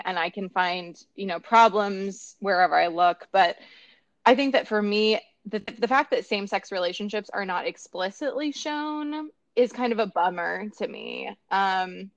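A woman's voice: medium pitch, unhurried, no echo, lo-fi sound. Hesitant queer woman, dry sound. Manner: hesitant, many fillers and restarts. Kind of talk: casual film discussion.

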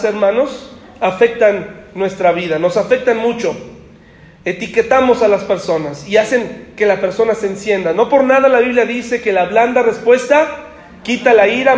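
A man preaches to his congregation in an easy, conversational way and keeps throwing rhetorical questions at them. His voice sits unusually high. The recording rings with a lot of room echo. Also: darkish tone. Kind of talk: sermon.

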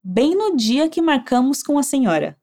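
Brazilian lady teaching spanish drills, kinda high voice, lots of pitch movement, clear and encouraging. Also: very animated, warm tone. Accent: Brazilian Portuguese. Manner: clear, encouraging instructor, models phrases slowly. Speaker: Spanish teacher for Portuguese speakers. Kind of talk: language lesson narration with repeat drills.

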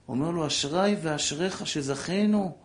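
Animated rabbi with a fairly high voice. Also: male voice. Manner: emotional, animated storyteller who questions the audience. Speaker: rabbi giving a Torah class. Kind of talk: lively religious lesson to a live audience.

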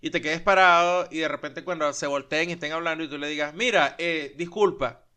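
A man's voice: a little high, steady tone, fast talker, pushed and bright, smooth. A Venezuelan man with a Venezuelan accent, a teacher co-hosting a casual podcast and joking in colloquial speech.

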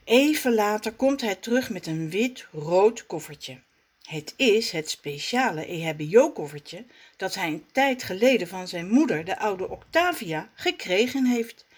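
A woman reading a children's storybook aloud, gentle and unhurried. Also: medium pitch, animated, slightly rough.

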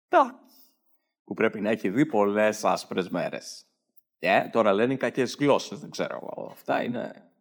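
Man, Greek accent, sarcastic satirical monologue, lively swinging pitch, mocking tone. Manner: sarcastic, mocking, slips into mimicked voices. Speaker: satirical comedian.

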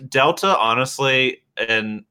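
A young man chatting casually on a podcast, his voice bright and forward. He rambles through stories, full of filler words, and often breaks into laughter. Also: mid-range voice, slow pace, clean tone. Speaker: podcast co-host. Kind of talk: casual chat.

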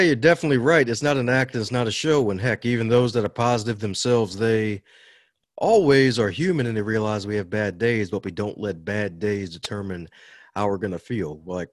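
An upbeat man from Baltimore talks as a guest on a podcast interview. His voice sits a little low, and the sound is close and dry with no room around it. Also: no echo. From Baltimore, USA. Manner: upbeat, laughs often. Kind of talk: casual interview talk.

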